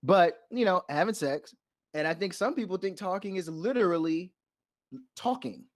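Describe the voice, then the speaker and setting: Animated young man telling a story. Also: high-pitched, moderate pace, no room sound. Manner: animated storyteller who acts out quotes and sound effects. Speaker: podcast co-host. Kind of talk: casual storytelling chat.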